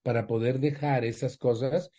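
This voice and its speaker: A man's voice: steady tone, normal speed, mellow. A man speaking at a support group, counseling a woman with a personal story and acting out his family's lines. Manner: acts out quoted family members with raised pitch. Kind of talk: storytelling counsel to an audience member.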